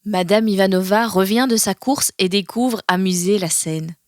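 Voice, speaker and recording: A woman reading a children's storybook aloud, softly and expressively. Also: mid-range voice, normal speed, no room sound, studio quality.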